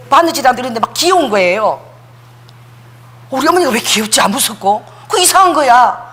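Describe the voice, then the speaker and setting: A middle-aged woman preaches in a lively, animated sermon. Her voice sits a little high and swings widely in pitch as she tells stories, acts out quotes, and breaks into tongues.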